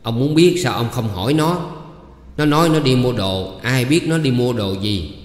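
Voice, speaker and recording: A man's voice: mid-range voice, expressive, close to an everyday voice. A man voicing a cranky, nagging older farm wife. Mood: irritated, scolding. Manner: scolding, quick to bicker. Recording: echoey, reverberant room.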